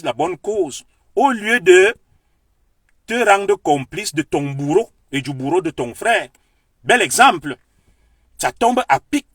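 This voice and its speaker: A Cameroonian political commentator with a Beti French accent speaks straight to his viewers in a heated, declamatory monologue, lecturing them with passion. His voice is high-pitched and fairly bright, recorded at studio quality with no room sound.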